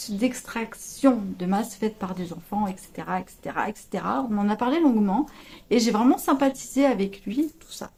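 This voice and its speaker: A woman's voice: on the high side, dark tone, slightly rough. A woman vlogger telling a personal story to camera in a casual, chatty way, full of fillers, quoted dialogue and laughter. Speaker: knitting vlogger.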